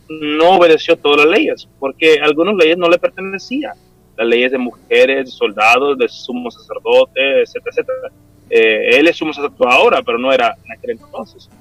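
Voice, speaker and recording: Calm male pastor, dry sound. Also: on the high side, dry recording, poor audio. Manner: calm teaching, frequent fillers.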